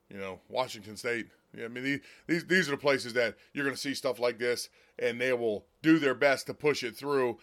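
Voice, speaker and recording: An American man with a raspy, slightly hoarse smoker's rasp, giving blunt, folksy political commentary as a solo host. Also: mid-range voice, a bit bright. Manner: blunt, folksy, emphatic with repetition. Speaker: political talk show host.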